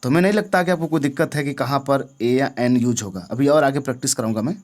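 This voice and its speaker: A fast-talking man with a mid-range, slightly mellow voice teaches English grammar classroom style. He frequently asks the viewer questions to check their comprehension.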